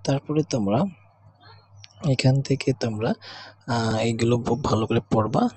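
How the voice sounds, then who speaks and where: A man's voice: medium pitch, a little slow, warm tone, husky, no room sound. A man teaching an exam revision lesson. He reads out words twice and keeps asking "okay?" with a rise. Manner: repeats each word twice as he reads.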